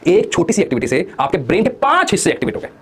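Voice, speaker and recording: A man with a high voice and huge pitch swings races through a motivational talk for exam students. He asks rhetorical questions, answers them himself, and urges listeners to join in and comment. There's slight background noise.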